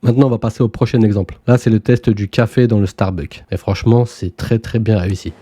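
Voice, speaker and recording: A man's voice: fairly low pitch, steady tone, quick pace, warm tone, slight background noise. A man giving a casual, chatty screen tutorial and talking straight to his viewers. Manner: laid-back, chatty, addresses viewers directly. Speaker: tech YouTuber.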